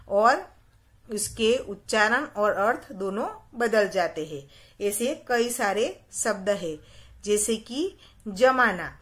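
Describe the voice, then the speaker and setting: A woman teacher talks young children through a recorded lesson with steady patience. She often poses a quick question and then answers it herself, repeating the key word. Her voice sits at an ordinary middle pitch. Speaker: school teacher.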